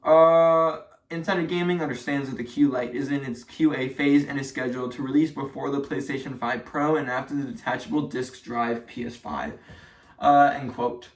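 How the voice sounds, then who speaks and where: A man's voice: mid-range voice, fairly even intonation, moderate pace. Rambling man co-hosting a news show. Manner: rambling with many fillers and restarts. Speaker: co-host of a news roundup. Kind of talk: casual news chat, reading articles aloud. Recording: echoey room, mic at a distance.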